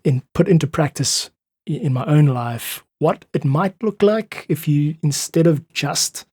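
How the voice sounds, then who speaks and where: His voice is a little high and warm with a breathy edge, and he speaks a bit slowly: a South African independent musician guesting on a podcast, earnestly reflecting on his opinions in an interview. It's a dry, studio-quality recording.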